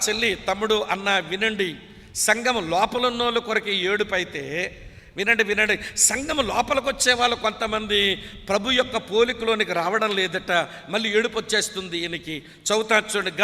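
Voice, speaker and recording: Male preacher with a Telugu accent, very high and piercing voice, pleading and emotional. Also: bright, forceful tone. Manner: emotional pleading preaching, addresses listeners as beloved. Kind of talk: sermon. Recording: long reverb of a large hall.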